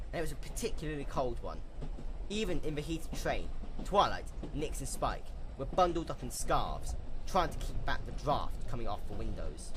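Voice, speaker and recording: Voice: mid-range voice, noisy background. Hammy stage-actor storyteller with theatrical, swooping delivery. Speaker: narrator doing dramatic readings of fan fiction. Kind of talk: scripted dramatic story narration with character voices.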